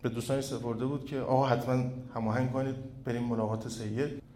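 A man's voice: mid-range voice, level tone. Fervent preacher man in an echoey hall. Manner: builds to loud, fervent peaks, then drops to a quiet storytelling tone. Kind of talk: sermon. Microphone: microphone with echo effect.

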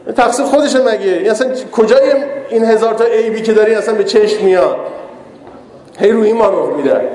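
A man preaches a sermon in a high, light voice, a cleric leaning on rhetorical questions and slipping in humorous asides. His words ring out in an echoey hall with a long, lingering reverb. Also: darkish tone.

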